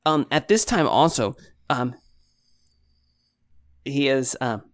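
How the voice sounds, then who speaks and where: A man's voice: mid-range voice, lively intonation, slow. A man acting as game master, narrating casually and playfully, often hesitating as he improvises.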